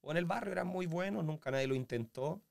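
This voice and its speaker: A man with a Chilean accent, a professional footballer, telling stories from his childhood in a casual interview, animated and acting out the voices of others. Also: on the high side, quick pace, vocal fry, no room sound, clean studio sound. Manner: animated storyteller with sound effects and acted-out quotes.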